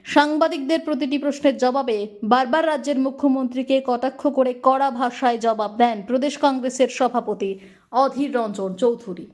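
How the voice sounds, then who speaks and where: A woman anchor reading a scripted news report in a formal, steady way. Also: high-pitched, normal speed.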